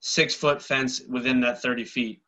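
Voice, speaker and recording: A man's voice: mid-range voice, fairly even intonation, moderate pace, bright, forceful tone, rough recording. A man applying for a fence variance, explaining plainly over a video call with some ums. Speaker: applicant.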